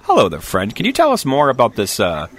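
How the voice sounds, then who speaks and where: A man's voice: medium pitch, wildly swooping pitch, a little fast, fairly bright tone. A man doing a sly, falsely friendly hero. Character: smug scheming adventurer hero, male.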